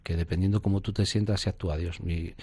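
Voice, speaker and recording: A man's voice: low voice, steady tone, fast, mellow, husky, no room sound. A man, a priest, telling his spiritual experiences in an interview, acting out scenes with little sound effects and quoted voices. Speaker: priest guest. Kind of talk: reflective spiritual conversation.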